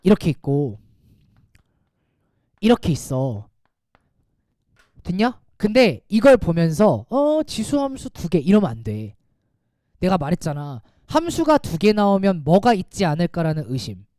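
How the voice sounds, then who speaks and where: A man teaching a math class, talking casually and quizzing his students with quick rhetorical questions. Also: on the high side, sing-song, mellow, dry recording, clean studio sound. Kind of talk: classroom lecture.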